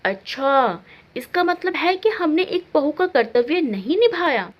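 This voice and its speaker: A woman's voice: high-pitched, very animated, measured pace, highs cut off. A woman voicing a tired young daughter-in-law who complains about housework. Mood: complaining.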